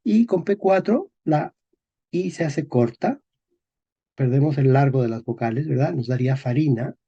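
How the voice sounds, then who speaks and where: Slow man giving a repetitive lecture. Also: a little high, mellow, breathy edge, dull audio. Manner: slow and deliberate, checks in constantly with "¿ok?" and "¿eh?"; repeats and spells out key words. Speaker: teacher of Spanish historical phonology. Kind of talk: classroom lecture.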